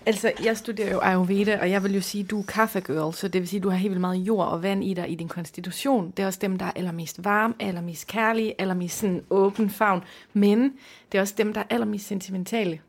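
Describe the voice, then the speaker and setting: A woman's voice: medium pitch, fairly even intonation. A woman co-hosting a casual chat, explaining her ideas in a thoughtful way and laughing at herself. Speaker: podcast co-host.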